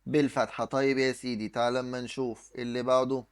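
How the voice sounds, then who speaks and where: A man's voice: medium pitch, little pitch movement, quick pace, clean tone. A man with an Egyptian accent teaching an exam review lesson, explaining step by step and answering his own questions while he writes on the screen. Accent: Egyptian Arabic. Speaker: Arabic teacher.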